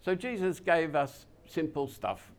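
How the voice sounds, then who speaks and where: Slow, gentle older man preaching. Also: fairly high pitch. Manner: slow, gentle, intimate preaching with soft drops. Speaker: pastor. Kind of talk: communion sermon.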